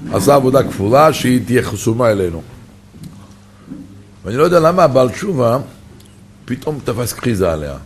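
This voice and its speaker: A man's voice: mid-range voice, a little hiss or hum. A man telling a personal story in an earnest, emotive way.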